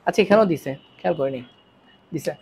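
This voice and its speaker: A woman's voice: deep voice, lively intonation, quick pace, vocal fry, darkish tone, breathy edge. A woman teaching a physics lecture, tired, and asking the class questions that she then answers herself. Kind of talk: classroom lecture solving circuit problems.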